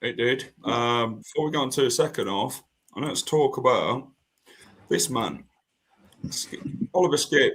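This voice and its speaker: A man's voice: medium pitch, expressive, a little slow, pauses often, a bit bright. A man hosting a casual football podcast, leading the talk and putting questions to his co-hosts. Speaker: podcast host.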